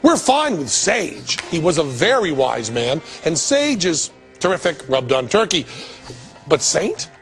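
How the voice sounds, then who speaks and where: A man's voice: fairly high pitch, huge pitch swings, unhurried, gravelly, fairly bright tone, faint music behind. An American man hosting a comedy documentary, narrating in a sarcastic, profane, mock-outraged way. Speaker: host.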